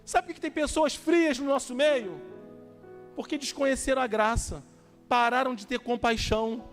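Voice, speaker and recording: High-voiced pastor preaching in a hall. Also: male voice. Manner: storytelling preacher acting out dialogues, urging. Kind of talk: sermon.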